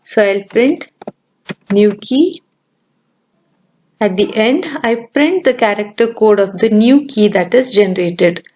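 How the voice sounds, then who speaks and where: A woman explaining a programming lesson step by step over her screen recording. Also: on the high side. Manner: steady explaining, talks through each step. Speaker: programming teacher. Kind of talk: screen-recorded coding tutorial.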